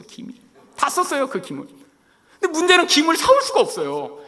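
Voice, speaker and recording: A middle-aged male pastor from Korea preaching with a high, lively voice that leaps up and down. The tone is bright and forceful with a gravelly edge. He tells his story animatedly and acts out the lines he quotes. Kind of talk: sermon with personal storytelling.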